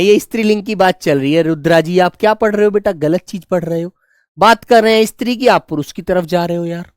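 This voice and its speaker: A man's voice: sits high, darkish tone, no echo, studio quality. A man teaching an online Hindi grammar lesson, affectionate and repetitive, keeps asking his students questions and answering them himself.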